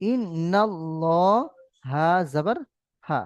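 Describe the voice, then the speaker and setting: A man's voice: a little high, animated, drawn-out words, no echo, clean studio sound. A man teaching Quran reading in a recorded online lesson, patiently drilling rules over and over and drawing out his recited examples.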